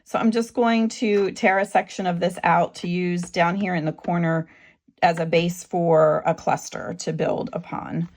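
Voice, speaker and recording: A middle-aged woman with a sore throat hosts a casual craft tutorial in a low, gravelly voice. She narrates in a relaxed, halting way, often saying "um."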